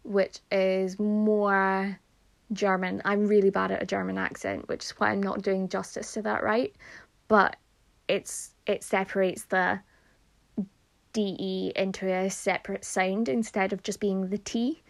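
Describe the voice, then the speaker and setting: Woman, casual name list, repeats each name, slow, flat delivery. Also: mid-range voice, creaky. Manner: repeats each name slowly, nerdy asides. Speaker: name pronunciation reader.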